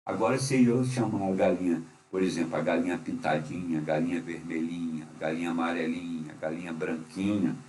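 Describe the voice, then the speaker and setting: A man's voice: low voice, steady tone, brisk, few pauses, a little mellow. A man teaching a grammar lesson, patient and repetitive, often checking in with the listener. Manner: patient, repeats and checks with "certo?". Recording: echoey room, faint hum.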